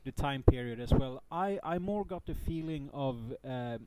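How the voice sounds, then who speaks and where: Guy on a podcast, mellow and halting, noise and clicks behind him. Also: mid-range voice, expressive. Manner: hesitant, halting. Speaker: podcast co-host. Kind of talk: casual podcast chat.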